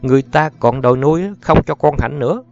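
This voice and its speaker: Guy doing a grumpy impatient man in a storybook, talks fast and snappy. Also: mid-range voice, fairly even intonation, vocal fry, darkish tone, pitched above the performer's own voice, lightly acted. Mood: grumbling. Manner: grumbling, quick and curt. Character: gruff impatient adult man, brusque and scolding. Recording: muffled audio with faint music.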